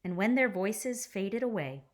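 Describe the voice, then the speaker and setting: Expressive and unhurried in her pauses, a female teacher reads a picture book aloud for children in a mid-range voice, quieting to a hush as each phrase ends.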